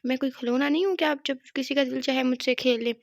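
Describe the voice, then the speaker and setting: A woman reading the lines of a heartbroken, proud young woman in an audio novel, in her own steady voice. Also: sits high, fast, no echo, studio quality. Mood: hurt, angry.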